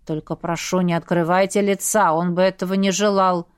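A woman voicing a terse, sombre man, an archer, lowering her voice in an audiobook. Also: fairly even intonation, normal speed, smooth, dry recording, studio quality, natural voice. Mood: grim. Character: grim terse male archer, grieving and reserved.

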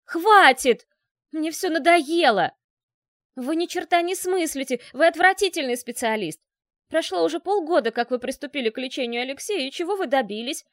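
A woman voicing a sharp-tongued, scheming young woman who shouts shrilly. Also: on the high side, sing-song, brisk, no echo, studio quality, voice pushed up. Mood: furious.

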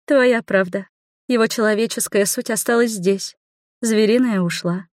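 A woman voicing a stern, ancient female swamp spirit who speaks slowly and coldly. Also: medium pitch, dry recording, studio quality, pitched above the performer's own voice, close to an everyday voice.

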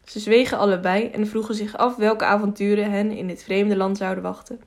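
A woman's voice: mid-range voice, fairly even intonation, a little fast, darkish tone. Woman narrating a storybook. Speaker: audiobook narrator. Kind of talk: scripted narration.

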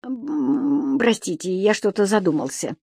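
A woman's voice: medium pitch, expressive, measured pace, vocal fry, dark tone, dry recording, pitched above the performer's own voice. A scheming, pompous middle-aged official, played by a woman reader, curt and commanding, sliding into false politeness. Read close and dry, as in a storybook.

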